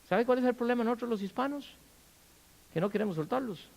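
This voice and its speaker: Animated man preaching a sermon. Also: very high-pitched, fast talker, gravelly, low-quality recording. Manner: animated, asks the congregation questions, acts out quarrels in loud bursts. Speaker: pastor. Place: church. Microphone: handheld or stand mic.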